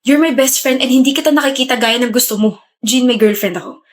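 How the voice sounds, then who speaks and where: A woman's voice: sits high, fast talker, lightly acted. A woman doing a blunt teasing young guy. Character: blunt teasing young male best friend. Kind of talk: skit role-play.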